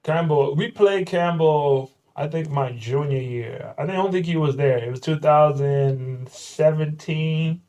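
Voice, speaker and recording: A man's voice: a little high, unhurried, hardly any pauses, a little mellow, low-quality recording. A man in his thirties hosting a casual interview, talking in a hyped, slangy, chatty way. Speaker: host, former basketball player.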